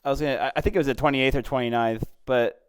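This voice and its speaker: A man's voice: medium pitch, steady tone, racing. A man hosting a podcast interview, enthusiastic and often restarting his sentences. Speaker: podcast host. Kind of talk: casual interview chat.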